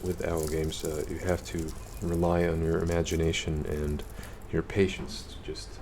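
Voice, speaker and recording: Low-voiced man reading in a monotone. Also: moderate pace, a little hiss or hum. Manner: monotone reading with frequent restarts. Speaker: let's play streamer. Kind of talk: reading game text and commenting. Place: home streaming setup.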